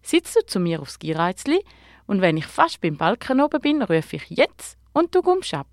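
Storybook role: a gentle, clumsy guardian star with a lilt and lively swings in pitch, read by a woman. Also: moderate pace, dry recording, clean studio sound. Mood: thoughtful. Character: fallen little guardian star, male, kindly and clumsy.

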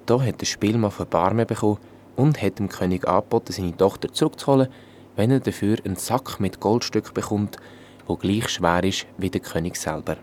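A man with a Swiss German accent telling a fairy tale in a calm, even manner. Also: on the low side, fairly quick, slight background noise. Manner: calm, even storytelling in dialect. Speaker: storyteller.

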